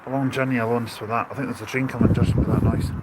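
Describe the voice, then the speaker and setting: A man's voice: mid-range voice, level tone, very fast, heavy background noise. A man hosting an outdoor live stream, chatting casually and easygoingly with a friend and his viewers. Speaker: host of a travel live stream.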